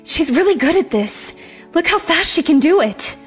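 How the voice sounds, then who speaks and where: A woman's voice: very high-pitched, animated, moderate pace, faint music behind. A woman playing a confident, serious teenage girl in a fan audio drama. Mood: impressed.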